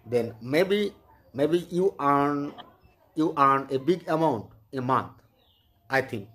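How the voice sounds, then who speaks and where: A man, practicing English in a halting, flattering way on a video call. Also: mid-range voice. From Bangladesh. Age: 20s. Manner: halting, repeats okay, flattering. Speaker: channel host practicing English. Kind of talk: casual chat.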